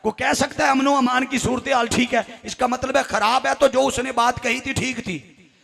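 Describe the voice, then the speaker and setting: A man with a Punjabi accent preaching a fiery devotional sermon from a stage, calling on the crowd to answer him and breaking into shouts. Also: very high voice, fairly even intonation, normal speed, creaky, in a large hall. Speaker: Islamic preacher. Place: religious gathering on a stage.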